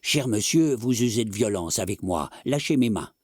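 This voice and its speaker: Give me a man playing a panicky, pleading gentleman from a storybook, low-voiced and dry. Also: lively intonation, moderate pace, breathy edge, no echo. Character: flustered middle-aged gentleman, pleading and timid.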